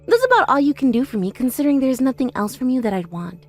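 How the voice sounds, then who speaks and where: A woman's voice: high-pitched, very animated, fast, darkish tone, faint music behind. A woman playing a boastful, mocking older sister in her thirties in a scripted audio story, with a haughty, taunting manner. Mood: smug. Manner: haughty, taunting, self-praising.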